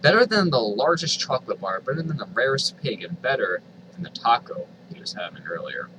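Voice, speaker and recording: Brisk and swinging widely in pitch, a medium-voiced man performs a dramatic reading of online fan fiction amid background noise. He breaks in with sardonic, exasperated remarks and plenty of swearing.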